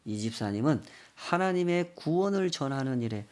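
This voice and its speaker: A man voicing a calm older pastor who gently admonishes a young man. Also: medium pitch, normal speed, lightly acted. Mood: admonishing. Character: calm older male pastor counseling a youth.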